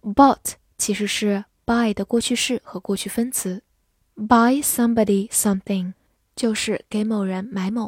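A woman teaching English vocabulary in a scripted lesson, reading each example sentence slowly and carefully. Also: mid-range voice, darkish tone, dry recording, clean studio sound.

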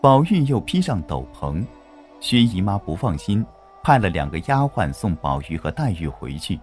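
A man narrating a children's story, with a lowish voice that rises and falls a great deal. He tells it expressively over faint background music. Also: normal speed. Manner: expressive, animated.

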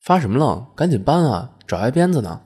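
A man's voice: medium pitch, sing-song, fast talker, a little mellow, breathy edge. A man voicing a brawny laborer in his forties who talks in a coarse, blunt way and swears freely. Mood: brusque.

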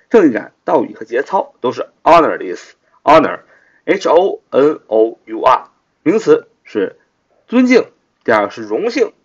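A man's voice: medium pitch, slightly rough. A man teaching English vocabulary in a recorded lesson, repeating words and spelling them out letter by letter. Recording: dull lo-fi recording.

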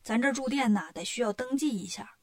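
A woman's voice: on the high side, quick pace, no echo, clean studio sound, close to an everyday voice. A woman playing a bustling, chatty innkeeper auntie. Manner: bustling, chatty, loud when calling out. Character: chatty middle-aged innkeeper woman, eager to sell.

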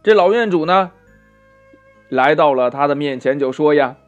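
A man narrating a children's story, gently drawing out his sentence endings. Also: on the high side, expressive, normal speed, highs cut off, faint music behind.

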